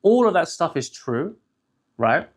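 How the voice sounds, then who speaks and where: A man's voice: on the high side, very animated, a little slow. A young man, a coach giving a casual solo teaching talk, speaking conversationally and checking in with the listener after nearly every point. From England. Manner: conversational, keeps checking in with "right?". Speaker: life coach.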